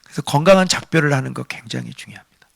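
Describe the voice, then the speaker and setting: A male pastor preaching a sermon. He swings from hushed near-whispers to loud, emphatic lines and keeps asking the congregation rhetorical questions. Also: on the high side, animated, rapid-fire, creaky, no room sound, clean studio sound.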